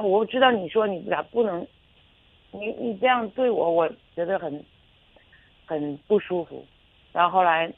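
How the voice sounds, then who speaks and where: A woman's voice: fairly low pitch, no echo. Hesitant woman caller on a tinny phone line. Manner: hesitant and rambling, many fillers and restarts. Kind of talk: call-in radio, telling a personal story. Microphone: telephone.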